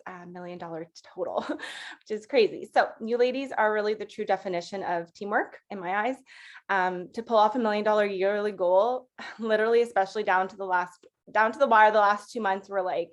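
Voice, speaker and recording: A woman at a middle pitch talks to her sales team in a heartfelt thank-you speech. Her delivery is loose and chatty, full of fillers and affectionate asides, like someone speaking off the cuff rather than from a script.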